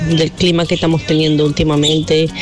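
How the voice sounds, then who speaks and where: A woman's voice: low voice, little pitch movement, fairly quick. A Peruvian woman calling in to a radio show, speaking earnestly with a warning for listeners. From Peru. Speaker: caller. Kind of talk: call-in message.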